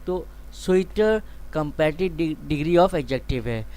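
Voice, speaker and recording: A man giving a grammar lecture, explaining step by step and drawing out his example words slowly. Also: on the high side, animated, darkish tone. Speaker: teacher.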